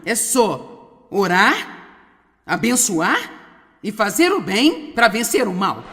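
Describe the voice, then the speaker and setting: A woman preaching a sermon in an animated way, with wry humor and frequent asides to the audience. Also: sits high, long reverb tail, full character voice. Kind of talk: sermon, dubbed.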